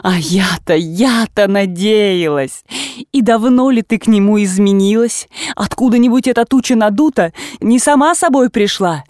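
A woman voicing a fretful, self-pitying mother in an audiobook, speaking in plaintive, drawn-out complaints. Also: mid-range voice, darkish tone, dry recording, clean studio sound, natural voice. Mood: complaining.

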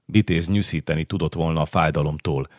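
A man narrating a historical novel as an audiobook in a measured, even manner. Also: extremely low pitch, dry recording, clean studio sound. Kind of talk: scripted narration.

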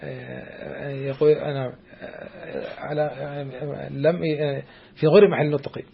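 A man guides a student through a classical Islamic jurisprudence text, hesitant and prone to drawn-out fillers and restarts, constantly checking understanding. His fairly high, level voice has vocal fry, and the audio is dull with slight background noise.

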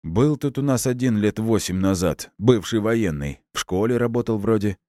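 A man's voice: lowish voice, animated, dark tone, no echo, clean studio sound, voice pushed up, natural voice. A man playing a smug, cynical colonel. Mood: dismissive. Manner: measured, sarcastic, slow deliberate words.

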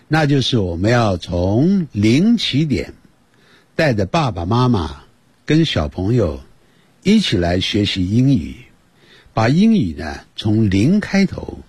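A man teaching a slow beginner language lesson for children and parents, repeating words many times. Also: fairly low pitch, a little mellow, breathy edge, no echo. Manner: slow, drawn-out demonstration with many repetitions. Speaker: English teacher.

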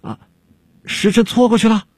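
A man voicing an anxious, timid male alchemist who frets and pleads, with a husky voice. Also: fairly low pitch, very animated, moderate pace, darkish tone, no echo, clean studio sound. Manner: fretful, pleading.

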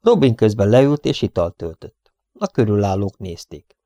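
Egy férfi, aki egy hangoskönyvet olvas fel kimért, egyenletes mesélő stílusban. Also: male voice, lowish voice, big pitch swings, warm tone, no echo. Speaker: audiobook narrator. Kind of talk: audiobook reading.

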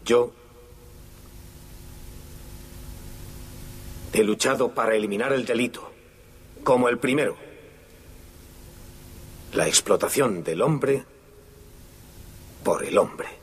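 A man's voice: mid-range voice, husky, natural voice. An actor playing a condemned Italian anarchist man giving a solemn, impassioned final statement in court, in a dubbed film.

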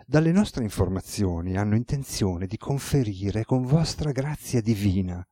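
A man's voice: lowish voice, expressive, moderate pace, mellow, breathy edge, no echo, clean studio sound. A man voicing a formal, deferential male secretary who reports in a reverent, stiff way. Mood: dutiful.

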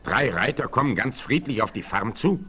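An actor playing a bold, commanding frontier hero in a 1960s German radio play, declaiming with resolve. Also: male voice, medium pitch, lively intonation, normal speed, sharp tone. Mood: tense, watchful. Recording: 1968 vinyl radio play, noisy.

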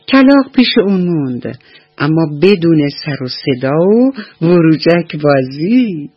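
Gentle woman telling a bedtime story. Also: low voice, slightly rough, dull audio. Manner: sweet, singsong and affectionate toward children. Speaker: children's storyteller. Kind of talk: bedtime story narration on radio.

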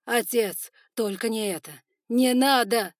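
A woman voicing a young male spider prince in an audiobook, pleading loudly in some passages and whispering gently in others. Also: deep voice, steady tone, unhurried, husky, no echo, clean studio sound, heavily acted. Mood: desperate. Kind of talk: audiobook character voice.

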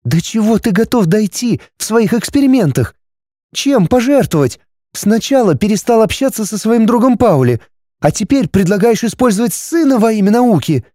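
An earnest, reproachful wife and mother from a storybook, as a male reader puts her on, her voice lifted well above his own and swinging widely in pitch. The tone is soft and mellow, heard close and dry with no room around it. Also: lively intonation, moderate pace, no room sound. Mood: pleading, reproachful. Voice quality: soft, raised pitch for a woman. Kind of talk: audiobook character reading.

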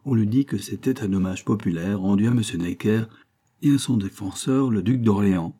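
A man narrates a classic novel in a low, dark voice with a husky edge. He reads steadily and evenly, lifting his pitch and volume for the characters' lines. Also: normal speed. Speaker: audiobook narrator.

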